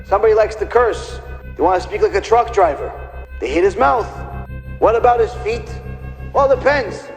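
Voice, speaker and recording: A man giving an emphatic religious lecture as a rabbi, acting out quoted people in short scenes. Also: high voice. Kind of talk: religious lecture on punishment after death. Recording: long reverb with faint music behind.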